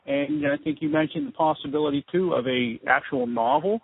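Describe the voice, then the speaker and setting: A man's voice: fairly high pitch, a little fast. A man interviewing a guest over the phone for a magazine, laid-back and chatty. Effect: heard over a phone line. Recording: tinny phone line with hiss.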